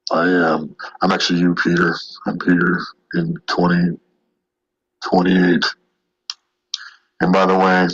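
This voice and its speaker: A man putting on a disguised deep voice, playing a weary, broke version of his own future self, deadpan and mock-mysterious. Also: husky, no echo, lo-fi sound, heavily acted. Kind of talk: comedic bit on a casual podcast.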